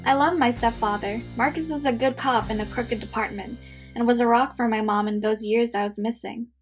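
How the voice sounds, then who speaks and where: A woman's voice: a little high, fairly even intonation, fairly quick, lightly acted. A woman playing a brash, tough schoolgirl vigilante in a comic dub, matter-of-fact and foul-mouthed. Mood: matter-of-fact, proud. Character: brash, tough schoolgirl vigilante, fiercely devoted to late father. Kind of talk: comic dub narration and dialogue. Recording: music behind the voice.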